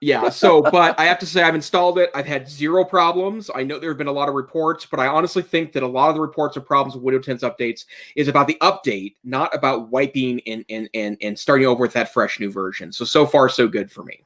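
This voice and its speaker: A man's voice: medium pitch, fast talker, hardly any pauses, a bit bright. A man co-hosting an education technology podcast, giving earnest, opinionated advice in casual talk with frequent restarts. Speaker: podcast co-host. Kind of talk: casual tech chat.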